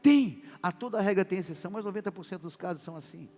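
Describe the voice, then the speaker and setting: A man, preaching a sermon as pastor and acting out what husbands and wives say in lively voices. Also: sits high, fast talker. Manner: animated preaching, acts out quoted wife and husband voices. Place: church. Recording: reverberant church hall with music behind.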